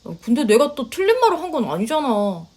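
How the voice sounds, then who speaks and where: A blunt young husband played by a woman in a narrated story, talking matter-of-factly in a lowered voice. He sounds sure of himself and brushes worries aside. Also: very animated, quick pace, a little mellow, heavily acted. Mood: casual. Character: young adult Korean husband, blunt and self-assured. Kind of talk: storytelling voice acting.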